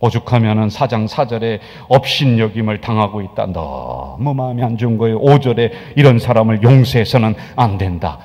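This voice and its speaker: A male pastor preaching a sermon, swinging from loud proclamation to hushed whispers. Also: lowish voice, fairly quick, hardly any pauses. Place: church sanctuary. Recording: church hall with long reverb.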